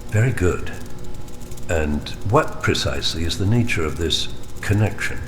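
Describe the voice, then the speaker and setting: A deep, silkily menacing captain. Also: male voice, expressive, over music. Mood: coaxing. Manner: measured, formal, silkily polite. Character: menacing, hungrily curious starship captain interrogator, male. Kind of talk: full cast audio drama acting.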